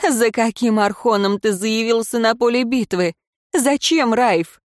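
A woman voicing a grieving, sharp-tongued young heroine in a fantasy audiobook, tearful and high-strung. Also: unhurried, no room sound, studio quality, natural voice.

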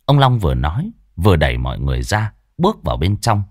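A man's voice: low-pitched, wildly swooping pitch, quick pace, a little mellow, no room sound, studio quality. A man narrating a horror story expressively.

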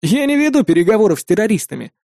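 Man playing cocky antihero, cold threats, lively swings in pitch, dry sound. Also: very fast, creaky, no room sound, full character voice. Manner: cold, threatening, barking orders. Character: cold, brash male antihero officer.

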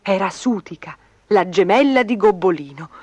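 A woman's voice: medium pitch, moderate pace, no echo. A woman narrating a children's fairy tale expressively, in a storybook reading style. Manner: expressive, lively.

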